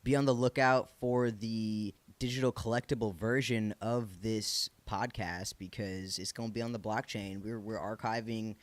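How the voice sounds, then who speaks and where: A man's voice: fairly low pitch, fairly even intonation, moderate pace, few pauses, dry recording. Man, Michigan accent, slangy casual hosting, encouraging manner, dry recording with little room sound. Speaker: podcast host. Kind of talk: casual interview chat.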